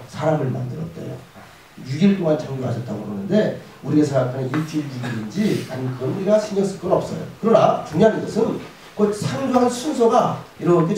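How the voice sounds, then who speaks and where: A male pastor giving a lively chapel sermon to students, acting out prayers and quizzing the audience. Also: a little high, slight background noise. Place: school chapel. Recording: echoey hall, mic from far off.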